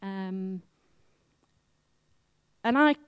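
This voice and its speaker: A woman from Wales with a Welsh accent, preaching a sermon in a chatty, self-mocking and lively way. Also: medium pitch, drawn-out words, clean tone, highs cut off.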